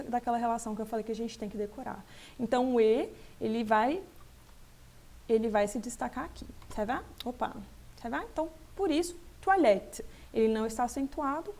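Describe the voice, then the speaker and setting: A woman's voice: on the high side, darkish tone. Patient woman teaching pronunciation. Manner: patient, repeats each word slowly and checks understanding. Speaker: French teacher. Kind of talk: French pronunciation lesson.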